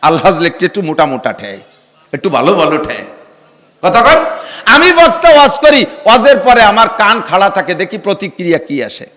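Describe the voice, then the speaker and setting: High, bright-voiced preacher with reverb. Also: male voice, wildly swooping pitch, moderate pace. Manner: rhetorical questions, teasing, rises to shouts. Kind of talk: humorous sermon.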